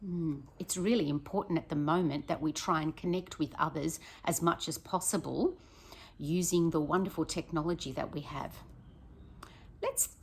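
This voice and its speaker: Her slightly husky voice sits low as this primary school teacher reads a picture book to children at a moderate pace. She reads expressively and draws her young audience in with questions.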